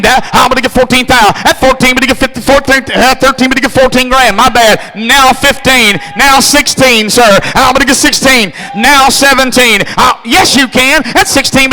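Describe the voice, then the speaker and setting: A man working as an auctioneer, calling bids in a rapid, repetitive rolling chant. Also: very high-pitched, low-quality recording. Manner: repetitive, rolling patter with shouted numbers. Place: live classic car auction.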